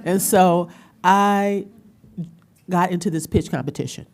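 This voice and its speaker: A middle-aged woman speaking at a community panel, telling a personal story with animated emotion and frequent laughter. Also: on the low side, unhurried. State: tearful at times. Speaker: panel speaker and business owner.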